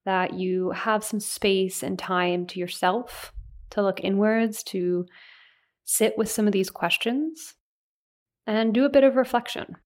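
Soothing woman guiding a meditation. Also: medium pitch. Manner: soothing, unhurried delivery with gentle pauses. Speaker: meditation guide. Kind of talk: guided meditation.

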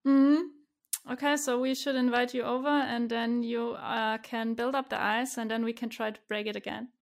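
A woman with a German accent talks in a relaxed interview, her voice sitting a little high. She is cheerful and laughs easily, often restarting her sentences mid-thought. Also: normal speed. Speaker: guest, community organizer. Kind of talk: casual interview chat.

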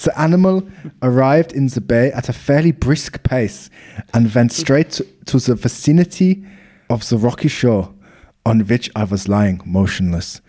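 A man's voice: medium pitch, expressive, a little slow, warm tone. A man putting on a German accent to voice a German doctor dramatically recounting a serpent sighting. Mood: dramatic. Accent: put-on German. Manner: dramatic, storytelling read-aloud.

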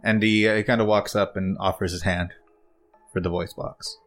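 A man narrating a tabletop game as game master, in a halting way full of fillers and restarts. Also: sits low, little pitch movement, faint music behind.

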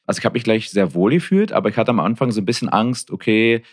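A man with a Berlin accent speaks in a fairly low voice. He talks things over slowly in casual conversation, pausing often and restarting his sentences. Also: sing-song. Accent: Berlin German. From Berlin, Germany. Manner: reflective, halting, many restarts and fillers.

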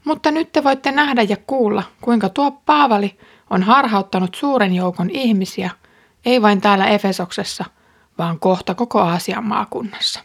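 Woman reading as worked-up male silversmith, urgent rising delivery, husky breathy tone, mid pitch. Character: agitated male silversmith rousing fellow craftsmen.

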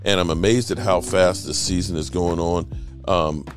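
A man's voice: low-pitched, fairly even intonation, moderate pace, music in the background. A man hosting a casual sports podcast, joking around and swearing freely. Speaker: podcast host. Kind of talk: casual chat.

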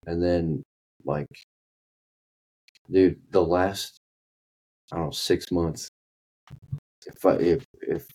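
A man's voice: sits low, fairly even intonation, takes it slowly, long pauses, mellow, poor audio. A man with a Kentucky accent talking casually as a podcast guest, often repeating and restarting words as he searches for them. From Kentucky, United States.

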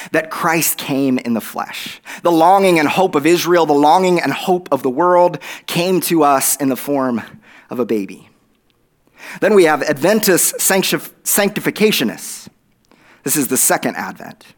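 A middle-aged man delivers a sermon in an Oklahoma accent. His voice sits a bit high for a man. He talks conversationally, checking in with short tag questions and leaning on repeated phrases. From Oklahoma, USA. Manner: conversational, with check-in tags like "right?" and "okay?". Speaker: preacher.

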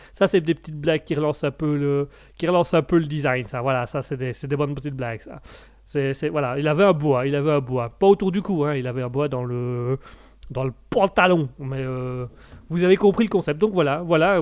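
A man hosting a live stream, joking and rambling as he reads out chat messages. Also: a little high. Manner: jokey, rambling, self-interrupting. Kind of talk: casual chat reading out chat messages.

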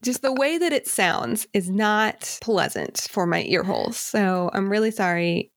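A woman co-hosting a casual podcast, giving frank, wry takes and laughing easily. Her voice sits at a middle pitch, recorded close and dry with no room sound. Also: expressive, measured pace, no echo. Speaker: podcast co-host. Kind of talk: casual chat reviewing songs.

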